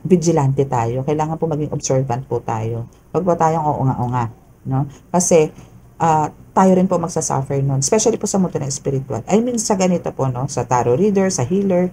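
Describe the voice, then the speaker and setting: A low-pitched woman gives a chatty tarot reading, often tagging her sentences with quick questions to the listener. Her voice is dark and mellow, with faint background noise in the recording. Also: rough recording. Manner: chatty, peppers talk with "no?" and "okay?". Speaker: tarot reader. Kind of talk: casual tarot reading monologue.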